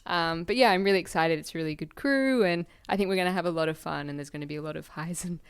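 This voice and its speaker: A woman's voice: lowish voice, quick pace, smooth. Bubbly young Australian woman. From Canberra, Australia. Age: 20s. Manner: bubbly, laughs often. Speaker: bikepacking rider. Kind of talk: casual chat.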